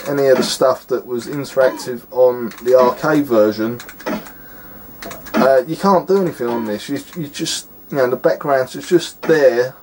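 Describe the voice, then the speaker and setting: A man's voice: medium pitch, background noise. A man giving casual gameplay commentary as a retro game reviewer, exasperated and scornful, rambling with fillers.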